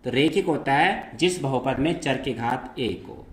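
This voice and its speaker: A man's voice: medium pitch, animated, measured pace, roomy sound. A man teaching a math lesson to school students. He explains step by step and keeps checking that they follow.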